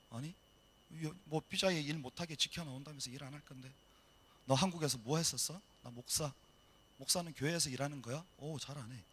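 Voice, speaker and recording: A middle-aged male missionary telling a story in a sermon, acting out the dialogue in a lively way. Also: mid-range voice. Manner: animated storytelling, acts out dialogue. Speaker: missionary preacher. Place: church hall.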